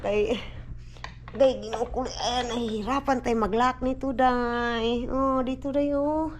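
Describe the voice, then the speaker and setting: Speaking at a measured pace in a slightly high, steady voice, a woman from the Philippines with a Filipino accent talks to her vlog audience from home. She's chatty, addresses viewers as "Day" and slips into baby talk for a little child. A faint hiss or hum sits under the recording.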